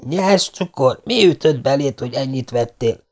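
A man's voice: medium pitch, animated, a little mellow, pitched above the performer's own voice, natural voice. A man voicing a stern, thrifty middle-aged woman who scolds. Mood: exasperated.

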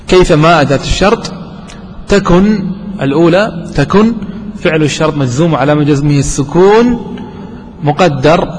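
A man teaching a classroom grammar lesson, quizzing his students and repeating examples slowly. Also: on the high side. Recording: long hall reverb, faint background noise.

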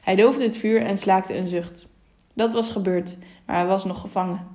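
A woman narrating an audiobook in a steady, measured reading voice, with small self-corrections. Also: mid-range voice. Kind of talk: storybook narration.

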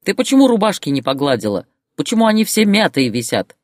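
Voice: mid-range voice, moderate pace, dry recording, studio quality, natural voice. A storyteller voicing a furious bullying husband who roars and barks insults, in an audiobook character voice. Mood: raging. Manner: roaring, barking, insulting.

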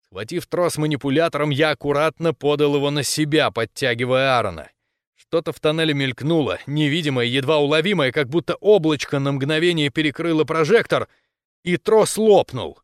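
A man narrating a first-person science fiction story in a steady storytelling manner. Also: a little high, brisk, no room sound, studio quality. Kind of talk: audiobook narration.

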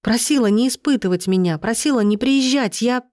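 A woman's voice: a little high, fairly quick, a little mellow, no room sound, studio quality, voice pushed up, close to an everyday voice. A woman voicing a young pregnant woman in a storybook, trembling and pleading. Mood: tearful.

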